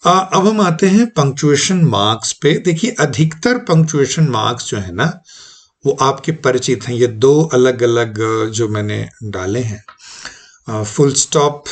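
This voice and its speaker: Male lecturer, unhurried and a bit husky, walks students through examples. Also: medium pitch. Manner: explains slowly with many examples and fillers. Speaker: teacher. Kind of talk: recorded online lecture.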